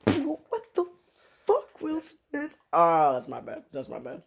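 A man voicing an indignant young male street hero in an improvised comedic story, with shrill, exasperated outbursts. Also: wildly swooping pitch, slow pace, vocal fry, noisy background, exaggerated voice.

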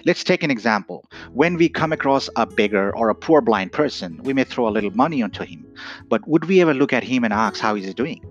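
A man's voice: mid-range voice, expressive, a little fast. A man from Nepal giving a reflective, earnest talk, often asking "right?". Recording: dull lo-fi audio with faint guitar.

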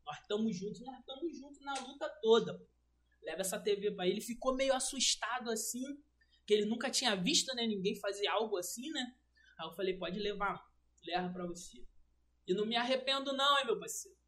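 A woman's voice: a little high, a little fast, slight background noise. A woman, a guest telling a personal story in casual slang and acting out the dialogue. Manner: animated, slangy, acts out quoted dialogue. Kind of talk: emotional personal storytelling on a livestream.

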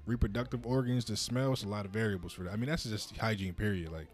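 A man's voice: on the low side, fast talker. A young man co-hosting a casual podcast chat at home, laid-back and agreeing often. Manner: laid-back, says "facts" and "word" often. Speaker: podcast co-host. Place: house, indoors.

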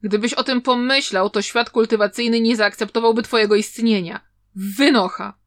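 A woman's voice: a little high, fairly even intonation, normal speed, lightly acted. A woman reading a stern, easily enraged old male teacher in an audiobook, lecturing and scolding with outrage. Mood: sharp, scolding.

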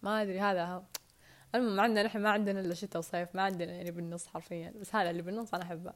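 On her laid-back solo podcast, a Saudi-accented woman rambles in a hurry, frequently lowering to a whisper. Her voice is lowish with a steady tone, captured through a wired earphone microphone.

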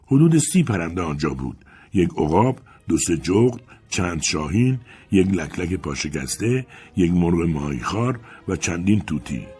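Male audiobook narrator, husky and lowish, measured pacing. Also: mellow. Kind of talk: scripted narration.

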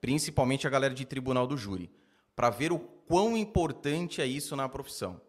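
A man hosting a podcast, chatting casually in a slangy, animated way. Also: medium pitch, a little fast. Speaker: podcast host.

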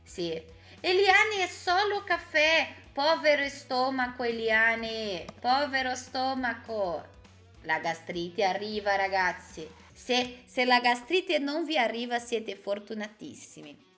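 Slow, clear-spoken woman language teacher. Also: on the high side, expressive, sharp tone, faint music behind. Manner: repeats words slowly and clearly for learners; chatty, playful asides to the audience. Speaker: Italian teacher. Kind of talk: live online language lesson, reading viewer comments.

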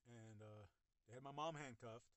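A young man tells his own story in a casual, halting way, stumbling over fillers and restarting his sentences. His wording is blunt and salty. The recording is dry with no room sound. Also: medium pitch, fairly bright tone, dry recording. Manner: halting, full of "uh" and "like", frequent restarts. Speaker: person recounting his own experience. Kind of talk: casual first-person storytelling.

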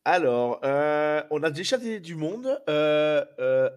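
A man hosting a casual sports fan talk show, slightly hoarse from a cold, talking in a rambling, excitable way and repeating himself. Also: a little high, slow. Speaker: host.

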